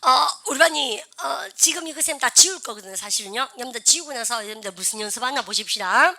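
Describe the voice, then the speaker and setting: A woman teaching English in a classroom at a blackboard. Her voice sits fairly high and sounds bright and forceful. She calls out drill lines for the class to repeat and chats with them in between. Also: animated, fast talker. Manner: chatty asides to the class. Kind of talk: classroom lesson.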